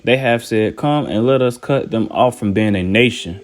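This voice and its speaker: A man's voice: on the low side, normal speed. A man preaching informally and reading scripture aloud, repeating himself, restarting phrases and ending lines with "man" in a slangy, scolding way. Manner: repetitive, stammering restarts, tags "man" onto phrases. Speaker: self-styled preacher.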